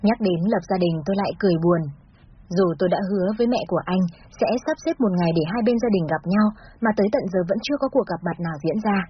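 A woman's voice: mid-range voice, rapid-fire, muffled recording, a little hiss or hum. A woman narrating a first-person story in a reflective, confiding way.

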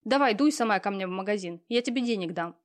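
Brisk, bossy mother on the phone, a woman doing the voice in an audiobook. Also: mid-range voice, animated, close to an everyday voice. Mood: pushy. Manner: curt, pushy, businesslike. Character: brisk busy middle-aged mother on the phone. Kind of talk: audiobook character reading.

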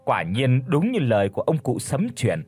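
Husky man telling a ghost story. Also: medium pitch, normal speed, faint music behind. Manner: dramatic, expressive storytelling. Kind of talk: folk ghost story narration.

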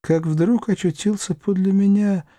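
Male audiobook narrator, measured and expressive; fairly high, lively voice, dry close recording. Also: dry recording.

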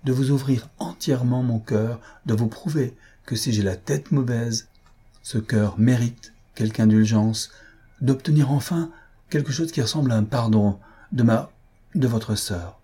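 A man reading an audiobook, voicing an impetuous, remorseful young gentleman who speaks in an impassioned, earnest and pleading way. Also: medium pitch, a little slow, slightly rough.

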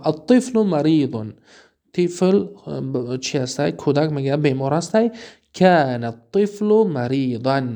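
A man with a Tajik-inflected Persian accent teaching Arabic grammar from a textbook, reading examples slowly and then explaining them quickly, often asking the listener questions. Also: fairly high pitch, vocal fry, warm tone. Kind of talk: recorded lesson explaining a textbook.

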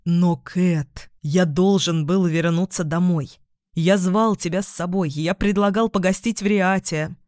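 A narrator voicing a desperate young man who shouts warnings and pleads, in a dry close recording. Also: mid-range voice, steady tone, a little slow, no room sound, lightly acted. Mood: pleading.

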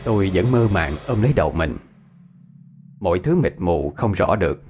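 A man narrating a ghost story in an expressive, dramatic storytelling voice. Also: sits low, moderate pace, a little hiss or hum.

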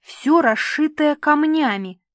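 A woman's voice: sits high, lively intonation, takes it slowly, darkish tone, no room sound, studio quality, voice pushed up. A woman reading aloud, voicing an eager, chattering little girl. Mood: excited.

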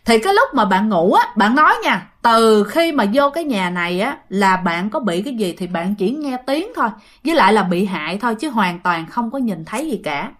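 A woman's voice: mid-range voice, sing-song, brisk, hardly any pauses, a bit bright. A woman telling a ghost story in a chatty way, speaking straight to her listeners. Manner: chatty, addressing listeners directly.

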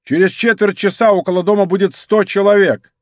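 A man voicing a soldier officer in an audiobook, shouting threats before turning meek before his general. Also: sits high, fairly even intonation, brisk, no room sound, studio quality, voice pushed up, natural voice. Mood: threatening. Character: threatening male army officer, later humbled.

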